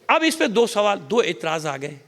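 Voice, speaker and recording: A man with a Pakistani accent, a cleric giving a mourning sermon as dramatic storytelling that swings from loud cries to hushed whispers. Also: high-pitched, very animated, vocal fry. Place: large mosque hall. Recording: long reverb of a mosque hall.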